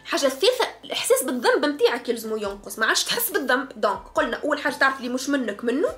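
A woman's voice: high voice, very animated, very fast, a bit bright, soft background music. A woman with a Tunisian Arabic accent giving casual advice, emphatic and direct, often checking that the listener understands, mixing in French and English. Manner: emphatic, keeps asking "understood?". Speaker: advice giver.

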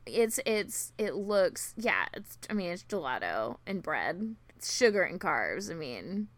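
A woman with very lively, swinging intonation talks in a casual, rambling podcast style, close and dry. Her words come out slightly thick, as with a swollen tongue. She is giggly and makes fun of herself. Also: lowish voice, a little slow, no echo. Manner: giggly, self-deprecating, filler-heavy rambling. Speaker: podcast co-host. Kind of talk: casual chat.

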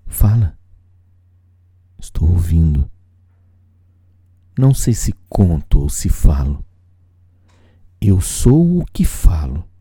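Slow, deep, husky man reciting poetry. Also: very animated, warm tone, no room sound, clean studio sound. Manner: deliberate, sensual, pausing between short phrases. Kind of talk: dramatic spoken-word poetry recital.

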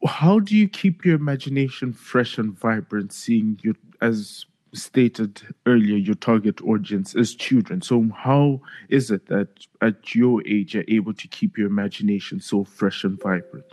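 Male podcast host, slightly low voice, polite and scripted. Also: measured pace, hardly any pauses, a little mellow. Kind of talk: interview hosting.

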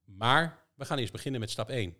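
A man talking in a relaxed podcast conversation, explaining how his company's system works for schools and stressing his points with many rhetorical questions. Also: medium pitch, brisk. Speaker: education software provider.

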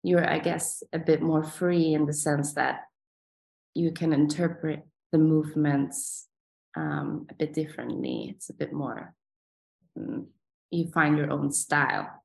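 A woman's voice: deep voice, unhurried, gravelly, darkish tone. A young adult woman from Sweden, a ballet dancer answering interview questions in a hesitant way, with many fillers.

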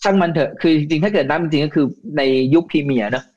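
A man's voice: fairly high pitch, fast talker, a loud crowd. Blunt man talking football, lo-fi sound. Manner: blunt, crude slang-filled banter. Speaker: podcast co-host. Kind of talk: casual football chat.

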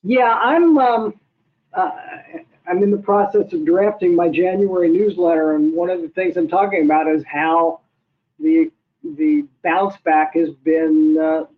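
An older man, an economist, explaining figures in a measured way with many hesitations. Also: on the high side. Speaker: guest economist. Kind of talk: interview answers. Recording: tinny phone-like line.

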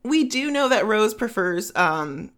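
A woman's voice: mid-range voice, sing-song, a little slow, fairly bright tone. A woman co-hosting a casual podcast, chatting about a book with lots of "like" and "um". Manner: chatty, full of "like" and "um". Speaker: podcast co-host discussing a book. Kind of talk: casual chat.

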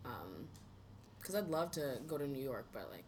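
A woman hosting a podcast, talking in a relaxed, encouraging way with "um" and "like" fillers. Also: rumbling low, normal speed, a little hiss or hum. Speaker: podcast host. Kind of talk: casual conversation.

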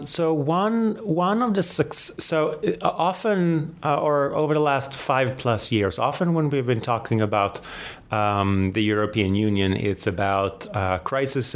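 A very low-pitched man. He answers interview questions slowly and thoughtfully, pausing often and restarting his sentences as he searches for the right words. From Sweden. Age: 40s. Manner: measured, hesitant, many fillers and restarts. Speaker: guest academic.

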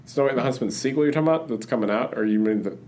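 A man's voice: mid-range voice, very fast, darkish tone, a little hiss or hum. A man hosting a podcast, chatting casually and rambling with lots of restarts and fillers. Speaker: podcast host. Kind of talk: casual chat.

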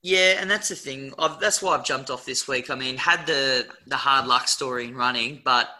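Bright, punchy Australian man talking racing. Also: mid-range voice, moderate pace. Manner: blokey, slangy. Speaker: horse racing tipster and co-host. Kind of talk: casual racing preview chat.

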